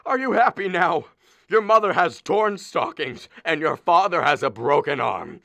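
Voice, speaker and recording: A man's voice: mid-range voice, lively intonation, slow, creaky, long pauses, fairly bright tone, breathy edge, no echo, heavily acted. An actor playing an exasperated middle-aged father with a hurt arm in a radio play, groaning and complaining.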